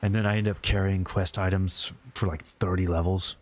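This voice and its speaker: In flat, low-pitched tones and at a normal speed, this man rambles informally while running a gaming stream and responding to his chat.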